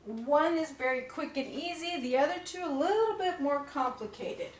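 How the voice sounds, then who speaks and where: A woman giving a classroom lecture, explaining step by step with many fillers and pauses. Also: high-pitched, animated, reverberant, a little hiss or hum, rough recording.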